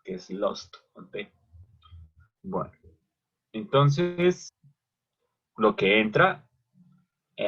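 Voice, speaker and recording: A man's voice: on the low side, slightly rough. A man teaching an electrical machines class who keeps asking questions and answering them himself. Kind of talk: online lecture at a whiteboard. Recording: dull lo-fi recording.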